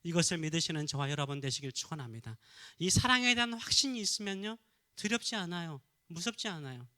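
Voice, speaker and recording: A man's voice: fairly high pitch, big pitch swings, quick pace, bright, forceful tone. A middle-aged man from Korea preaching as a pastor, asking the congregation questions and answering them himself. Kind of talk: sermon.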